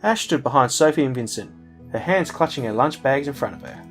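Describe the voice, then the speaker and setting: A man's voice: medium pitch, a little fast, fairly bright tone, soft background music. A man playing through a visual novel, reading its text and dialogue aloud in a plain voice and breaking off for joking asides.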